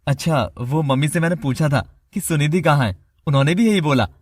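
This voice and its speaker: A woman voicing a gentle, grateful young husband in a cartoon story, speaking softly and appreciatively. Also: sits low, a little fast, breathy edge, no room sound, studio quality, pitched below the performer's own voice.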